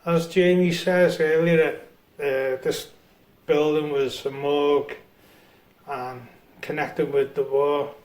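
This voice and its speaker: A man on a ghost hunt makes slow, deliberate, earnest pleas for spirits to show themselves. His slightly higher voice echoes around a bare cellar room. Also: little pitch movement, a little mellow. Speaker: ghost hunt team member. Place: dark cellar, indoors.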